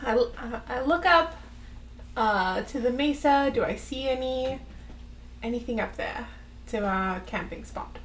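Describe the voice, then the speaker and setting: A woman's voice: a little high, measured pace. A woman chatting casually while playing a tabletop role-playing game. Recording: faint background noise.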